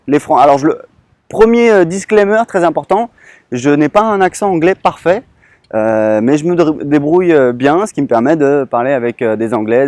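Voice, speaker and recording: A man's voice: mid-range voice, a little mellow, no room sound. Hesitant man teaching outdoors, dry sound. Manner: hesitant, informal, full of fillers and restarts. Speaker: online English teacher. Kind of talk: casual lesson to camera. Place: outdoors on a beach.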